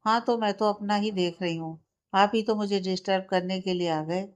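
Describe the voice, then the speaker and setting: A woman's voice: medium pitch, steady tone, moderate pace, natural voice. Woman voicing a stubborn young wife. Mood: irritated. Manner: sharp, stubborn. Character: stubborn, tired young woman studying for exams.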